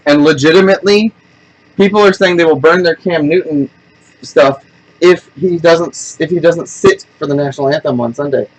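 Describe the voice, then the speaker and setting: Male podcast host, husky and fairly high-pitched, blunt, tells stories with lots of acted-out quotes. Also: moderate pace, rough recording. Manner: animated storyteller who acts out quoted people; blunt and opinionated. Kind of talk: casual chat.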